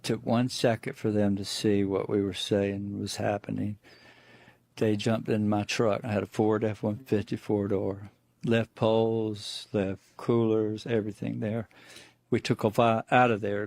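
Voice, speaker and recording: A man's voice: lowish voice, darkish tone, no room sound. A middle-aged man, a guest on the show, recounting a personal encounter in plainspoken storytelling full of restarts. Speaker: eyewitness guest.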